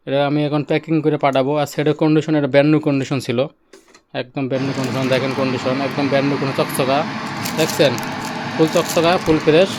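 Amid background noise and music from the player he is demonstrating, a Bangladeshi-accented electronics shop owner explains a product hands-on, repeating himself casually as he sells it. His voice has a fairly high pitch.

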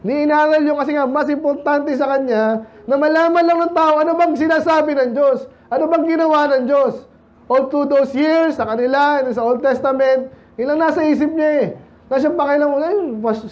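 High-voiced preacher man, lo-fi. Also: a little mellow. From Philippines. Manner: conversational preaching, asks congregation questions; mixes English scripture quotes into Tagalog. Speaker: pastor. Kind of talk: sermon.

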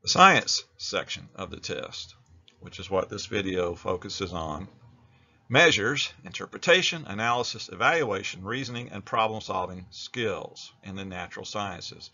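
A man's voice: low voice, measured pace, sharp tone, muffled recording. An American man narrating an instructional video as a teacher, explaining things in a plain-spoken way.

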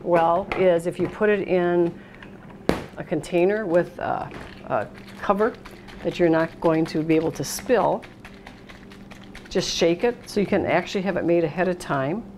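At a steel worktop in an indoor kitchen, a middle-aged American cooking show host calmly talks through each step of a casual demonstration. Her darkish voice is on the low side, at a normal speed, and she pauses often. The recording picks up clattering dishes and a noisy kitchen.

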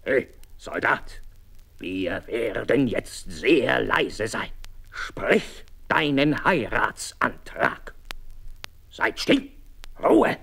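An actor voicing an excited toy in a radio play, chanting slowly, later hushing the others. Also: male voice, medium pitch, exaggerated voice. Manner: very slow, gravelly, chanting.

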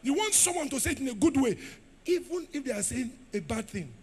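A man with a Nigerian accent preaching a sermon, shouting at times and dropping to low asides. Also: very animated, a little fast, husky. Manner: rugged preaching style. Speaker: pastor.

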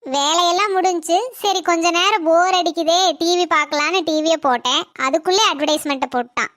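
A woman's voice: extremely high pitch, fairly quick, fairly bright tone. A woman voicing a gossipy, stingy middle-aged housewife in a cartoon, with a Kanyakumari Tamil accent and a tart, chatty manner. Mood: gossiping. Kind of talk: cartoon comedy dialogue.

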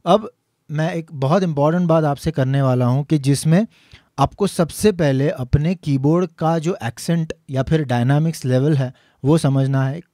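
A man teaching piano, explaining each step patiently and slowly singing the note names as he plays. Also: on the high side, mellow, no echo, studio quality. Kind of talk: instructional lesson.

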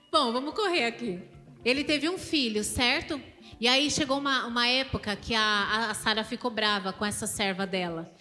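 A Brazilian woman teaching a children's church service, animated and asking the kids questions. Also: a little high. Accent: Brazilian Portuguese. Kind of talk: children's sermon. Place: church hall. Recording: church hall reverb with music behind.

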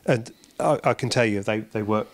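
A man's voice: on the low side, moderate pace. Enthusiastic English man interviewing in a workshop. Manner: enthusiastic, prompting with tag questions. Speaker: channel host interviewing a mechanic. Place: indoor motorcycle workshop. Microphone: handheld microphone with windscreen.

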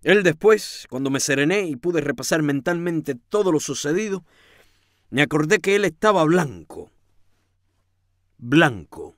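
A man giving a dramatic first-person reading of a novel, swinging from hushed tones to shouting. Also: a little high, animated, unhurried, no room sound, clean studio sound. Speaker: audiobook reader.

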